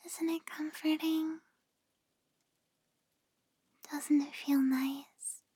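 A woman playing a tender, reassuring partner in a whispered role-play, speaking gently and close in the listener's ear as if lulling a loved one to sleep. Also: high voice, level tone, dry recording. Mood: soothing, lulling. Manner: slow, gentle, soothing.

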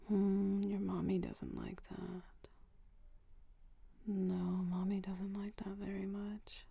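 A woman voicing a possessive, doting lover in an audio roleplay, murmuring in a slow, low-key half-whisper. The tone is dark and husky with a touch of fry. It is recorded close and dry, with no room sound. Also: little pitch movement, no room sound, heavily acted. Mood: teasing jealous. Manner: slow, intimate half-whispering with soft giggles. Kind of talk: audio roleplay addressed to the listener.

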